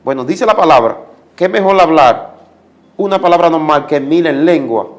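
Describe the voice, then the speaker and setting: A man's voice: on the high side, animated, normal speed. A man giving a religious testimony as a guest, speaking like a preacher and repeating commands for emphasis.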